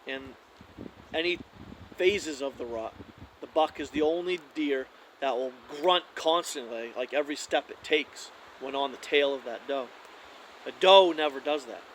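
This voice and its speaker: A man giving a casual how-to demonstration of hunting calls, talking in a relaxed, conversational way with frequent fillers and restarts. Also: mid-range voice, unhurried, a little hiss or hum, poor audio.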